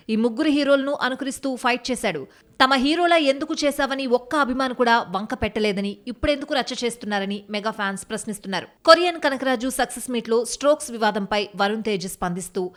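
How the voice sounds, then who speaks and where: A woman reads a scripted entertainment news voice-over. She speaks at a steady, even news pace. Her voice sits a little high. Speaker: news narrator.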